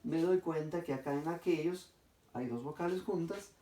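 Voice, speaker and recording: A man's voice: a little high, mellow. Methodical man teaching in an echoey room. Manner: methodical, addresses class, dictates slowly syllable by syllable. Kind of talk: grammar lesson. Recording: echoey room, distant mic.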